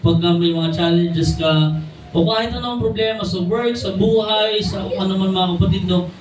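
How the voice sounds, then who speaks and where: A young Filipino man preaches a sermon, his voice sitting high. He keeps addressing the congregation with tag questions and slows down for the key English phrases. The recording is roomy and picked up from a distance, with a faint room hum behind him. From Philippines. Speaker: church preacher. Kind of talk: sermon mixing Tagalog and English. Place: church hall. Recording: echoey room from a distant mic.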